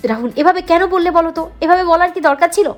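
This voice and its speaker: A woman voicing a dutiful young wife who gently reproaches her husband in a retold serial. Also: very high-pitched, racing, pitched above the performer's own voice. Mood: reproachful.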